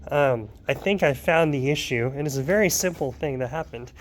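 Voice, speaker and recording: Filming a garage vlog at home, a young car enthusiast wanders through his car work with lots of ums and digressions, a little wheezy from being sick. His pitch is fairly high, his pace moderate, and there's slight background noise.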